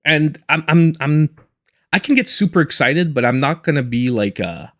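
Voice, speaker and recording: A man's voice: fairly high pitch, lively intonation, moderate pace, fairly bright tone. A man in his forties chatting casually and in a reserved way while he live-streams a game as host. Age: 40s.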